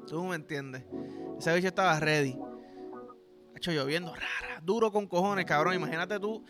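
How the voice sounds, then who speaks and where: A young Puerto Rican man hosting a podcast, telling a crude, animated story and acting out the dialogue. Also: on the high side, normal speed, over music. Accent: Puerto Rican Spanish. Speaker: podcast host. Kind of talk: casual storytelling.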